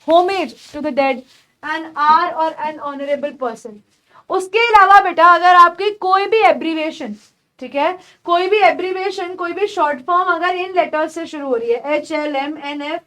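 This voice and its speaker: A young woman giving an English grammar lecture in Hindi, explaining rules step by step and saying the example sentences slowly. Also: high-pitched, fairly bright tone. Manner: explains step by step, calls students "beta"; spells out slow, drawn-out English examples. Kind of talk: online exam-prep lecture.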